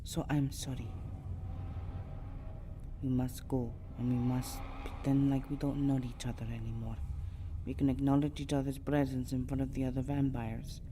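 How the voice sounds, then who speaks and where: In an intimate ASMR roleplay, a woman voices a low, mellow female vampire who is seductive but guarded, using formal, dramatic phrasing and often sinking to a breathy whisper. Her tone is steady and her speed normal, with a regretful, firm mood. Faint noise and soft ambient sound sit behind her.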